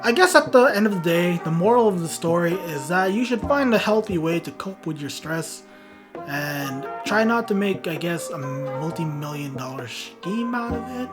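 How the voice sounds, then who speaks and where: A woman in her twenties telling a comic story on her vlog, self-mocking and dramatic, dropping to mumbles and rising to loud outbursts. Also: medium pitch. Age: 20s. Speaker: vlogger.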